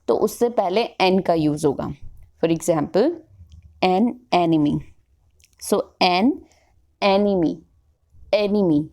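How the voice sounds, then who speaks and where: A woman's voice: on the low side, warm tone. A woman with an Indian English accent teaching a grammar lesson online, explaining step by step and often checking with her students. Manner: explains slowly, mixing Hindi and English, often checking "ठीक है".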